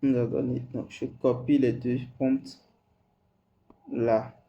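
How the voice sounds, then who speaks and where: A man hosting a screen-recorded software tutorial, talking hesitantly and repeating words as he types. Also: mid-range voice, flat delivery, takes it slowly, creaky, highs cut off. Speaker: tutorial host.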